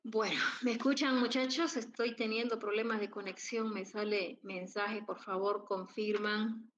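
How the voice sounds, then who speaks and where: A woman's voice: medium pitch, fairly even intonation, unhurried, fairly bright tone. A woman teaching an online class, her voice choppy and crackly as the call breaks up while she checks that her students can hear her. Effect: choppy, crackly call audio breaking up. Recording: dull lo-fi call line with faint noise.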